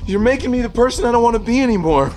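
Young male superhero, man acting: very high voice, big swings, exclamatory, quippy, anxious, music faintly behind. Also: rapid-fire. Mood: upset, defiant. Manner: excitable, exclamatory, swinging between frantic and plaintive. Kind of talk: table read of a superhero film script.

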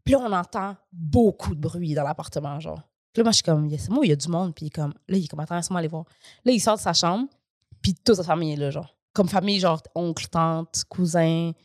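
A young woman with a Québécois French accent telling a story in casual chat, animated and full of fillers, acting out what people said. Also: on the low side, brisk, dry recording, studio quality. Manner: animated, full of "genre" and "là" fillers, acts out quotes. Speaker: guest storyteller.

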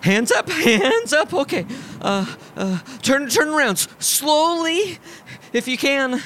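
A man's voice: high voice, huge pitch swings, a little slow, fairly bright tone, slight background noise, pitched above the performer's own voice, heavily acted. A man voicing a jittery, panicky small young man for a story reading, stammering through frantic outbursts. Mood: nervous. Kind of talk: audiobook character voice.

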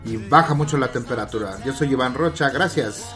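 Bright-voiced man co-hosting a podcast. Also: medium pitch, fairly quick, soft background music. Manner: joking, laughing often. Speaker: podcast co-host. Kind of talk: casual chat.

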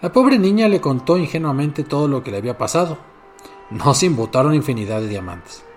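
A man narrating a fairy tale in measured storytelling. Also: on the high side, sing-song, faint music behind.

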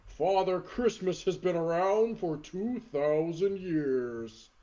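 A boastful old Santa Claus, played by a man cutting a wrestling promo in a tabletop game. He is high-pitched, with slow emphatic pauses, on slightly muffled audio. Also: warm tone. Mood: boastful, scornful.

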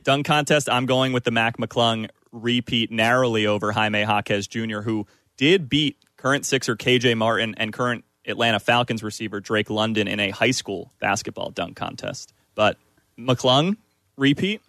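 A man's voice: mid-range voice, moderate pace, sharp tone, no echo. Male sports radio host, mid-range voice, dry studio, conversational discussion.

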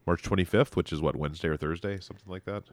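A man hosting a podcast in a relaxed, rambling chat, a little stuffy from allergies. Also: sits low, rapid-fire, dry recording. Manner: relaxed, rambling, dry humor. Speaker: podcast host. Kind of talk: casual chat.

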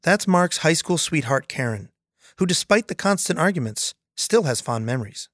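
A man hosting a podcast, reading measured, scripted narration. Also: a little high, animated, a bit bright, no echo, clean studio sound. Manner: measured, storytelling. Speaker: podcast host.

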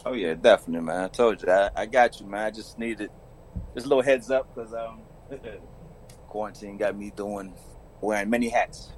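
Low-voiced man chatting casually. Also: normal speed, slight background noise, rough recording. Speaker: podcast guest. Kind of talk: casual chat.

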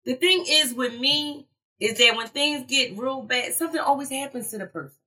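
A woman's voice: sits high, normal speed, bright, forceful tone, recorded from a distance, rough recording. A woman on a casual podcast, speaking in a laid-back, amused way. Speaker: podcast guest. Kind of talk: casual chat.

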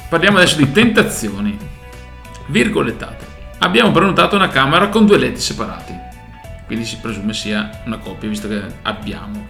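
A man's voice: medium pitch, big pitch swings, brisk, vocal fry, sharp tone. A man co-hosting a casual comic radio show, joking in a mock-serious way. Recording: roomy sound over background music.

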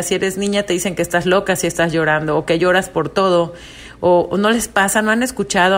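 A young woman hosting a reflective monologue podcast, earnest and confiding. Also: fairly low pitch. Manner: earnest, confiding, acts out quoted voices. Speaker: podcast host.

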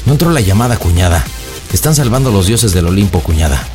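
Brief: Mexican male prank host, low voice with lots of swing, music bed behind. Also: sing-song, fast. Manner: playful, coaching, joking. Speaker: radio prank show host. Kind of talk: prank call radio show.

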